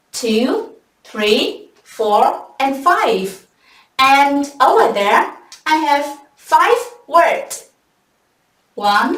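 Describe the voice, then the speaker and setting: A woman English teacher giving a bilingual classroom vocabulary lesson, saying words slowly and clearly for pupils to repeat. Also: high-pitched, fairly bright tone, far from the mic. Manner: slow drawn-out repetition of words for pupils to copy. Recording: echoey room, voice from afar.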